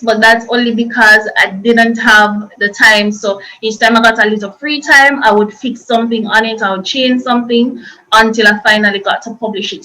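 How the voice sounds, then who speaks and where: A woman's voice: on the high side, sharp tone, rough recording. A woman presenting an informal online workshop, explaining things in a chatty, loose and repetitive way.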